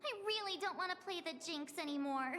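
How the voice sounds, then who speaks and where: An actress playing a perky young woman in a game, chirpy and excitable. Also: very high voice, fairly quick, slight background noise, full character voice.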